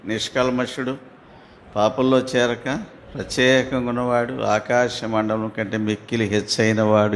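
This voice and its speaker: A man with a Telugu accent preaching a sermon. He asks his listeners questions and answers them himself, reads scripture slowly and grows loud and fervent. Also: medium pitch, slight background noise.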